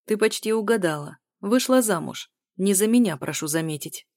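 A woman voicing a confident, persistent man who speaks calmly and insistently in an audiobook. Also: medium pitch, moderate pace, dry recording, studio quality, close to an everyday voice. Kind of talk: audiobook dialogue reading.

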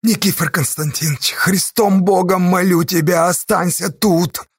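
A man voicing a desperate young cliff-climber who shouts and scolds his friend. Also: high voice, fairly even intonation, normal speed, slightly rough, dry recording, studio quality, pitched above the performer's own voice. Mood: pleading.

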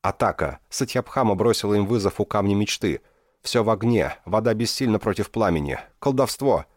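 Guy doing a frantic young soldier yelling breathless, way higher, audiobook. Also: expressive, fairly quick, no room sound, studio quality, lightly acted. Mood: panicked. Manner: high, loud, breathless cries. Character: panicked young male warrior, breathless and frantic.

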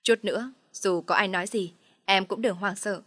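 A woman's voice: mid-range voice, normal speed, a bit bright, dry recording, natural voice. A woman voicing a cold, domineering young wealthy man who speaks in curt commands.

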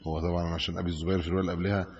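A middle-aged Egyptian sheikh teaches hadith commentary in a deep, darkish voice, delivering it flat and rapid-fire. He reads each text aloud, then explains it in colloquial Egyptian Arabic asides. The lecture recording is dull and lo-fi.

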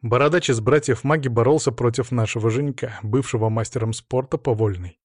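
A man narrating an audiobook in the first person, in steady, measured storytelling. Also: mid-range voice, slightly rough, no echo, clean studio sound.

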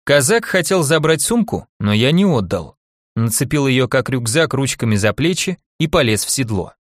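A male audiobook narrator telling the story in the first person at an even pace. His voice sits at an ordinary pitch, and the recording is dry and close. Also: normal speed, no echo.

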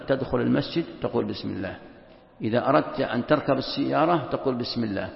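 A man's voice: mid-range voice, vocal fry. A man who is an Islamic scholar, teaching a classroom lesson, repeating key phrases and asking and answering his own questions. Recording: echoey, dull lo-fi hall recording.

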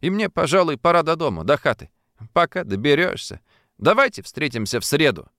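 A man's voice: a little high, big pitch swings, brisk, creaky, sharp tone, dry recording, studio quality, pitched above the performer's own voice, full character voice. A man reading an audiobook, voicing an earnest, eager young man who talks persuasively. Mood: polite. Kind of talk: audiobook character voice.

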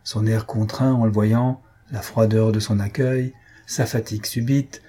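Brief: male audiobook narrator, measured, dark mellow tone, slightly husky. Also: lowish voice, flat delivery. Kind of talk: scripted narration.

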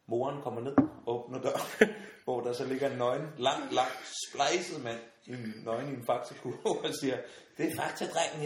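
A man telling funny anecdotes in a casual podcast chat, acting out the voices in his stories and laughing often. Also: mid-range voice. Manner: animated storyteller, acts out voices, laughs often. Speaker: podcast guest. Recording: roomy sound with faint noise.

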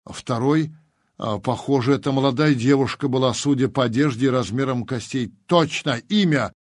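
A man's voice: mid-range voice, moderate pace, dry recording, studio quality, close to an everyday voice. A man voicing a hot-tempered Armenian stalker who swears and barks at others, in an audiobook. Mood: excited. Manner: swearing, barking.

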